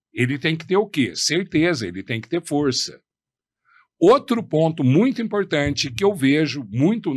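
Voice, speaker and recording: A male professor teaching a class, his pitch rising and falling with animated energy. He speaks in a slightly high voice and keeps throwing rhetorical questions to the room. The sound is close and dry. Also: dry recording. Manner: didactic, asks the audience rhetorical questions; uses his hands a lot while talking. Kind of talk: lecture on negotiation.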